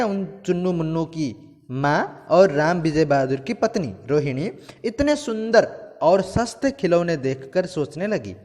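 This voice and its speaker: A man teaching a class, walking through a story step by step, glossing hard words and often pausing to check in. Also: on the high side, a little mellow. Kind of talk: explaining a textbook story to students. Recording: long hall reverb.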